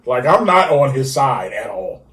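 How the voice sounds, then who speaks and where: A man's voice: mid-range voice, measured pace, distant mic. Ranting man, roomy and off-mic. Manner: animated ranting with frequent stammered restarts. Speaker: podcast co-host. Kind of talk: casual chat.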